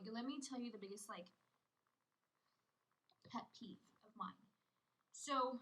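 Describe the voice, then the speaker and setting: A young woman in her twenties, hosting a podcast as a casual monologue, blunt and profane while she tells animated stories. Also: mid-range voice, poor audio. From United States. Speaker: podcast host.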